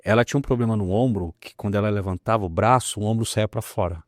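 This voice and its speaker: A man, a pastor telling a healing story in an animated, emphatic way. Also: on the low side, fast, no room sound, clean studio sound. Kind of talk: testimony in a conversation.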